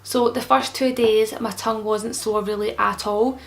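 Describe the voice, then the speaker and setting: A young vlogger with a fairly high, creaky voice keeps a steady tone at normal speed while explaining answers to popular questions. Her casual speech is a little thick-tongued and impeded, the way it sounds right after a tongue piercing.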